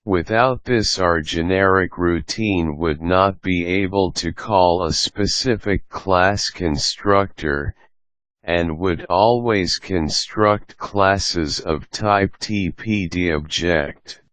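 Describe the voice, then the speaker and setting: A man with a very deep voice reads a technical article as scripted narration. He keeps an unhurried, measured pace and a formal, even delivery. The sound is dry and close, with no room around it. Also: dry recording. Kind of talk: scripted reading of a programming article.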